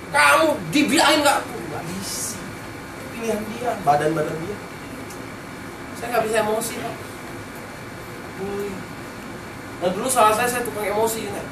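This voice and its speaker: A man giving a motivational business seminar talk in a casual way, often asking the audience rhetorical questions. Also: extremely high pitch. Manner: colloquial, keeps quizzing the audience with rhetorical questions. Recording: roomy hall, distant mic, background noise.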